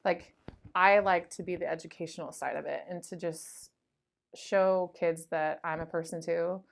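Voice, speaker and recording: A woman in her late thirties, a sheriff's deputy, chats through her stories in a relaxed interview. Her voice sits a little low, and she fills her talk with "like" and "um". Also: moderate pace, gravelly. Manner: chatty, lively anecdotes with frequent "like" and "um". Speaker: school resource officer, deputy. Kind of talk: casual interview storytelling.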